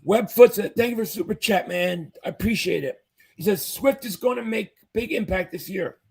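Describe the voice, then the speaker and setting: A man with a high voice and lively intonation hosts a casual sports livestream at a moderate pace, reading viewer comments aloud as an upbeat fan. His voice is husky and fading as he loses it.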